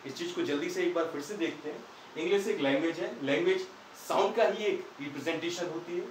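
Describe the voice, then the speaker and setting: A man's voice: on the high side, quick pace, slight background noise. A man teaching English grammar in Hindi, patiently asking questions and answering them himself. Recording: echoey room, far from the mic.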